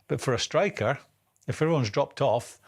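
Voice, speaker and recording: A man's voice: mid-range voice, normal speed, slightly rough. A man explaining football tactics in an analytical interview. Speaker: football pundit.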